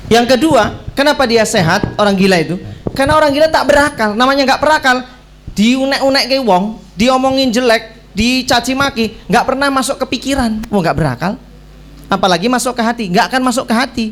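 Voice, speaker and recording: A man's voice: very high voice, expressive, quick pace, fairly bright tone, a little hiss or hum. A man, preaching in a joking, teasing way and acting out the people who ask him questions. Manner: playful, teasing, acts out questioners. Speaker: Islamic preacher. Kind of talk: joking religious talk to young people.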